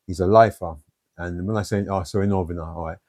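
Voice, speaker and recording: This guest speaks quickly in a low, steady, slightly mellow voice, recorded in studio quality with no echo. He's being interviewed and tells blunt, streetwise tales from his life, saying "you know" again and again.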